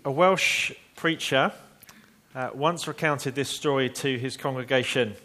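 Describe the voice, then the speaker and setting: This preacher, a man with a medium-pitched voice, earnestly relates a story in his sermon. For emphasis, he slows down and lowers his voice.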